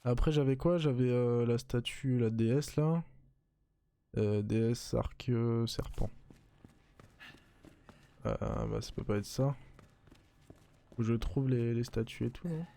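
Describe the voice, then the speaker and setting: Playing a horror game on stream, a young French man keeps up chatty commentary, mumbling to himself and joking around. He speaks at medium pitch with vocal fry and a warm tone, and there is no echo.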